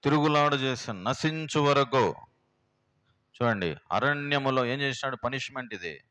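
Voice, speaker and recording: Male pastor, middle pitch, homely preaching full of rhetorical questions. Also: animated, normal speed, bright, forceful tone, clean tone. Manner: plain, homely, fires rhetorical questions at the congregation. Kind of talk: sermon teaching. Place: prayer house.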